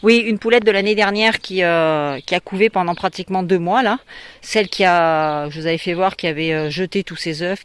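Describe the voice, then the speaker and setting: A woman's voice: fairly low pitch, clear, resonant tone. A French woman, a poultry breeder, talking casually into her handheld phone as she walks around outdoors and explains things. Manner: chatty, explanatory, with many fillers. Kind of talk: casual walk-through video. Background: hens clucking.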